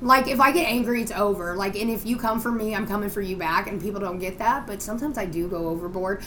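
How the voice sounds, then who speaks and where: A woman's voice: medium pitch, quick pace, bright, forceful tone, slight background noise. A woman podcast guest chatting casually, blunt and informal, swearing freely. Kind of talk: casual chat.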